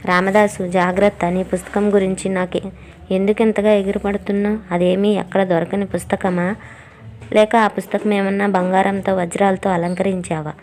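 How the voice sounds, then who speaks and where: A woman's voice: mid-range voice, flat delivery, normal speed, darkish tone, natural voice. A woman voicing a blunt, loyal male devotee. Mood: stern warning.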